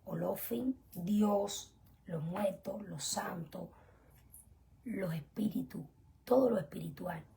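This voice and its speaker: A young woman teaching an online religious class, earnest and emphatic, often dropping to soft whispered asides. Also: mid-range voice, slow pace, creaky, slight background noise. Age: young adult. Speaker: spiritual teacher.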